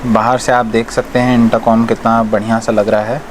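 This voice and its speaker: A shop presenter from India reviews riding gear in a casual, explanatory product demonstration, mixing English words into his speech. His mid-range voice is level and brisk, and clear background noise, including vehicle sounds, can be heard.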